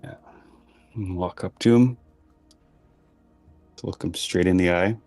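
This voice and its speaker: Low-voiced man playing a tabletop game. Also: slow, darkish tone, no room sound, faint music behind. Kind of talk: casual game-table talk.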